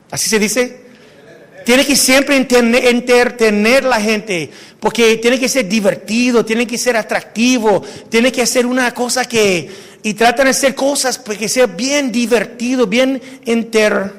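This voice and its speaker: A male pastor with a very high voice preaches a sermon, pausing now and then to hunt for the right word and breaking off mid-word. His voice carries a long, lingering reverb from the church hall around him. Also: steady tone, a bit bright. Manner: halting, searches for words, restarts mid-word. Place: church sanctuary.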